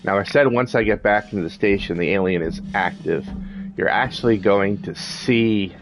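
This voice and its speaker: A man's voice: fairly low pitch, moderate pace. A man giving casual video game commentary, thinking aloud in a hesitant way. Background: game music and sound.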